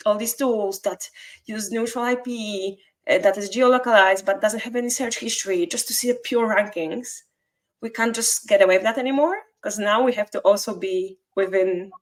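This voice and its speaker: In this low-quality recording, a guest SEO consultant from Poland, a woman with a medium-pitched voice and a Polish accent, is being interviewed conversationally. She explains fluently and at length, now and then restarting or making minor grammar slips.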